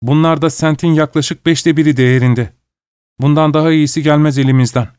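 A man's voice: fairly high pitch, fairly even intonation, a little fast, darkish tone, clear, resonant tone, no room sound, clean studio sound, close to an everyday voice. A man reading a story aloud, voicing a resolute, loving young Hawaiian wife in a raised, earnest pleading tone. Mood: determined. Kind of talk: audiobook character voice.

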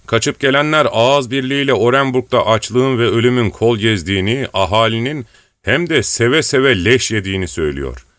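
A man's voice: mid-range voice, animated, normal speed, fairly bright tone, no room sound, clean studio sound, voice pushed up, lightly acted. A man reading an audiobook and voicing a vicious, bloodthirsty old male rebel who accuses people with spite. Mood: accusing.

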